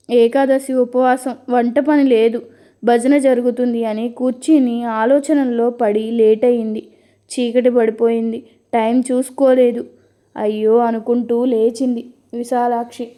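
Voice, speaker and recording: A woman storyteller reading a dramatic tale with expressive, storybook delivery. Her voice sits fairly high but is mellow and warm in tone. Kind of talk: storybook narration.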